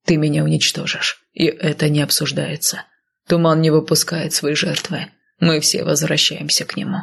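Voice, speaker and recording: A woman voicing a grim, emotionless undead northerner in an audiobook, speaking in a flat, grumbling way. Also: sits low, moderate pace, creaky, husky, voice pushed down, heavily acted. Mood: brooding. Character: cold lazy undead northern man, grim. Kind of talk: audiobook character voice.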